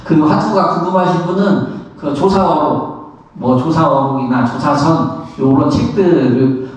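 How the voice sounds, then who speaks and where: A middle-aged man, a Buddhist monk, giving a lively spoken lesson on meditation, laughing often and acting out how he counts his breaths. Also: a little high, unhurried. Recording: echoey room, somewhat far from the mic.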